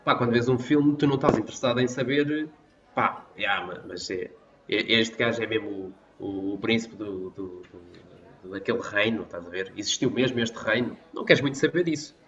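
A man's voice: on the low side, moderate pace, a bit bright, distant mic. A young man from Portugal with a European Portuguese accent, explaining his views in a reflective casual chat. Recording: dull sound from off-mic.

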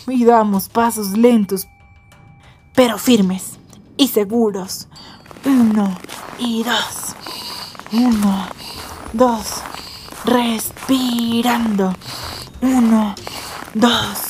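A woman telling a guided yoga adventure story for children, leading breaths and moving between hushed whispers and excited cheers. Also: fairly high pitch.

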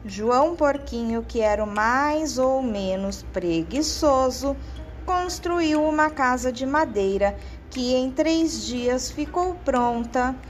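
A woman narrating a children's story in a gentle storytelling manner. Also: high voice, animated, takes it slowly, a little hiss or hum.

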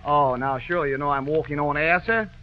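A man hosting an old-time radio quiz show, joking and bantering with his band in a brisk patter. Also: a little high. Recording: dull lo-fi old radio broadcast.

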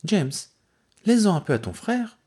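A young wife with dry, unbothered teasing, as a male reader lifts his voice for her. The tone jumps around lively and stays a little husky. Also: unhurried, full character voice. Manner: raised pitch, dry teasing.

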